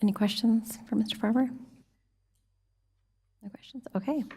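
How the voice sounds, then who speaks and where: A woman's voice: a little high, moderate pace, darkish tone. A woman chairing a town board meeting, calling items and votes in formal procedural language.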